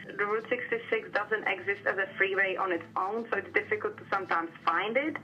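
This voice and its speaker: Bright-voiced woman. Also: mid-range voice, brisk, a little hiss or hum. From Czech Republic. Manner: casual, hedging with filler words. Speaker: filmmaker. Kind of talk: documentary interview. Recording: dull sound with faint music.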